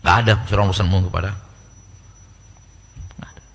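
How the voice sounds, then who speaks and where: A man's voice: low-pitched, flat delivery, fast talker, a bit bright. A man preaching a lecture sermon, full of rhetorical questions and mock back-and-forth dialogue. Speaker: Islamic preacher. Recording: long reverb hall.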